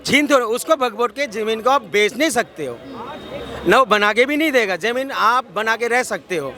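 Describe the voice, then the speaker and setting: A man's voice: very high-pitched, lively intonation, moderate pace, sharp tone. A man arguing insistently in a street interview, cutting in to be heard. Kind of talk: heated street debate. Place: outdoors on a city street. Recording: street crowd behind. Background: crowd of bystanders.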